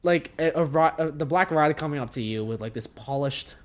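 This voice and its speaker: A man co-hosting a casual book podcast, jokey and halting, with many restarts. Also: fairly high pitch. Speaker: podcast co-host. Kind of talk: casual book-club chat.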